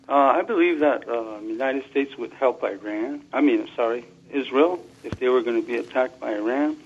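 A caller phones into a talk show, his medium-pitched voice carrying a breathy edge through a muffled, lo-fi phone speaker line. He argues his points earnestly, restarting small phrases as he goes.

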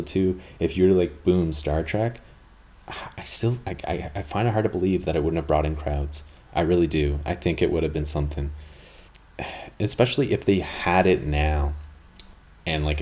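A Canadian man in his thirties hosts a podcast with a bass voice that's a little mellow. His monologue is casual and rambling, packed with fillers and asides.

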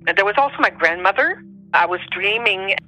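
A woman who isn't a native English speaker tells personal stories as an interview guest, chatting while searching for English words as though translating in her head. Her mid-range voice is animated, fairly quick and sharp, with faint music behind and poor audio quality.

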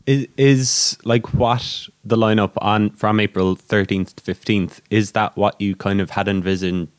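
An Irish man with a fairly low voice, recorded close and dry. He hosts a podcast informally, in loose, hesitant phrases. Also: steady tone, a little slow, dry recording. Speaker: podcast host. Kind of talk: casual podcast introduction and interview.

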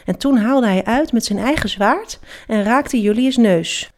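A woman hosting a children's book podcast, chatting with a child and reading aloud with lively expression. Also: a little high, unhurried.

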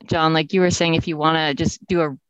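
A woman, a software engineer, heard over a video call as she calmly walks colleagues through a map tool step by step. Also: low-pitched, a little fast, clean tone, dry recording. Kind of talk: casual explanation on a video call. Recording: dull lo-fi video call audio, dry.

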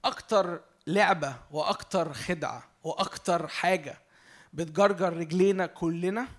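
A man with an Egyptian Arabic accent giving a conversational sermon, earnest, moving from emphatic preaching to quiet self-reflection. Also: high voice, normal speed.

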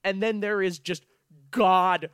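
A man's voice: high voice, fairly even intonation, slow pace, a bit bright, clear, resonant tone, dry recording, studio quality. A man in his twenties co-hosting a podcast, chatting casually and irreverently about a film, swearing and laughing easily. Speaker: podcast co-host.

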